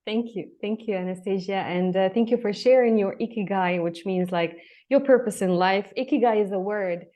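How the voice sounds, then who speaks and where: A woman with a Tunisian accent from North Africa hosts a conversational interview. She is a native Arabic speaker with a medium-pitched voice. Her delivery is halting, with words repeated as she looks for the right phrase. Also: dark tone. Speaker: podcast host.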